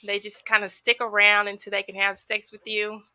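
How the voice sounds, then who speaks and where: Twenties woman guest, flat intonation, bright tone, dry sound. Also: mid-range voice, normal speed, dry recording. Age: 20s. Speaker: podcast guest. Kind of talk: casual podcast talk.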